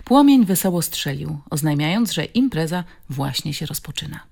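A woman narrating an audiobook in a calm, measured, expressive reading style. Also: low-pitched, gravelly, breathy edge. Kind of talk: scripted narration.

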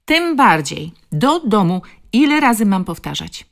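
A woman reading the part of a stern, overprotective elderly grandmother who snaps sharp commands. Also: mid-range voice, big pitch swings, measured pace, pitched above the performer's own voice. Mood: scolding.

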